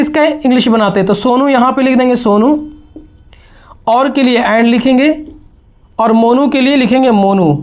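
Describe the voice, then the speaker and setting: A man's voice: very high voice, lo-fi sound. A man teaching English grammar to beginners, explaining each step patiently and repeating key words. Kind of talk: spoken language lesson.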